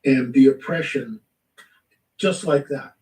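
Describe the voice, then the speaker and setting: A man telling a spiritual testimony in lively storytelling, acting out the voices in his story. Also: medium pitch, slow pace, echoey room, far from the mic, rough recording. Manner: animated storytelling, acts out quotes. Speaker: guest. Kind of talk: testimony in a talk show.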